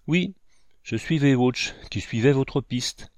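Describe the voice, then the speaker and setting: A man's voice: mid-range voice, slow, a little mellow, no room sound, clean studio sound, pitched above the performer's own voice, natural voice. A man voicing a big, dutiful young frontier son who speaks respectfully to his father in a storybook reading. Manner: respectful, eager to explain.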